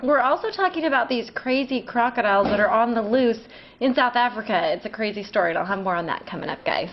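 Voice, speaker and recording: A woman's voice: on the high side, animated, fast talker, lo-fi sound, noisy background. A woman anchoring a live morning news show, giggling through her lines. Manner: breaking into laughter.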